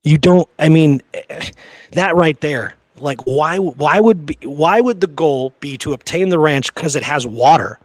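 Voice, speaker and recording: A man with a fairly high voice hosts a casual history discussion on a podcast, speaking unhurriedly in a dry recording. He comes across as emphatic, argumentative and exasperated.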